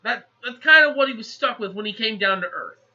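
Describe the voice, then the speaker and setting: High, bright-voiced man recapping a movie. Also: brisk. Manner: chatty, animated, acts out characters. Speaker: movie reviewer. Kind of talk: casual rambling plot recap. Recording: slightly muffled lo-fi recording.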